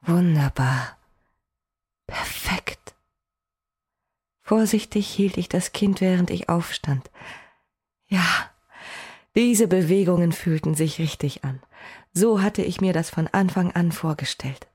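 A woman narrating a first-person fantasy audiobook, expressive with dry, wry asides. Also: fairly low pitch, measured pace, breathy edge.

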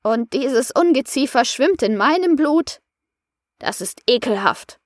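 A woman's voice: high voice, lively intonation, a little slow, no echo, clean studio sound, voice pushed up. A woman reading an audiobook voices an angry man who talks sharply and indignantly. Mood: grumbling. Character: angry middle-aged man, newly rejuvenated, indignant.

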